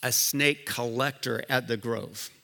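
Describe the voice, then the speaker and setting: Male pastor, grew up in Liberia, bright forceful sermon voice, lively and chatty, long church-hall reverb. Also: medium pitch, a little slow, creaky. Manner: animated preaching with restarts and asides.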